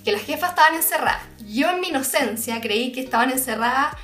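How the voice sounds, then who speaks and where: A young Chilean woman in casual chat, telling a scary story in lively slang and acting out the screams and voices of the people in it. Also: high-pitched, fast, reverberant, faint music behind. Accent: Chilean Spanish.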